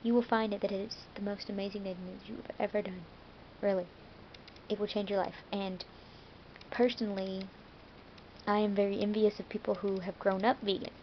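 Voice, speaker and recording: A woman's voice: medium pitch, little pitch movement, normal speed. American woman rambling to her vlog viewers, kinda dull lo-fi sound, faint room hum. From United States. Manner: chatty and rambling, with fillers and self-corrections. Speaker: vlogger. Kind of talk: casual vlog monologue.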